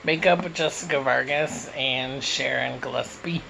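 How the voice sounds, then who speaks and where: A man's voice: mid-range voice, moderate pace, creaky, noisy background. A man from Canada answering questions in a casual mukbang Q and A, talking with his mouth full as he eats, recorded on a phone. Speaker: YouTuber answering viewer questions.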